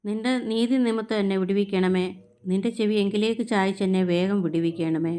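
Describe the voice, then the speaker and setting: A woman reading psalms aloud in a steady, measured recitation. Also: mid-range voice, clear, resonant tone. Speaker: scripture reader.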